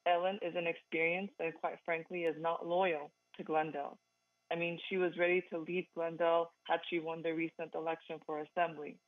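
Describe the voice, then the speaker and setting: Woman calling in on the phone, firm and measured, pretty flat delivery, tinny line. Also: fairly low pitch, dry recording. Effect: calling in over a phone line. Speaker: public comment caller. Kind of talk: reading a prepared public comment.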